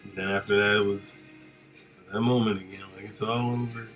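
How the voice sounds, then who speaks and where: A man casually chatting with viewers of his live stream while he works, relaxed and rambling with lots of fillers. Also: on the low side, a little fast, soft background music.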